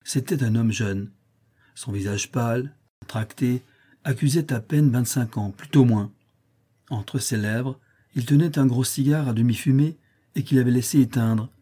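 A male audiobook narrator reads a short story in a measured, expressive way. His tone is dark and mellow, with a husky edge to the voice. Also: mid-range voice. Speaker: audiobook reader.

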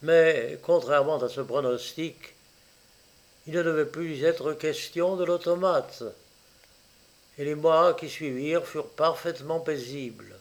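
Man reading a story aloud, slow unhurried pace, fairly high voice, deliberate delivery, small hesitations.

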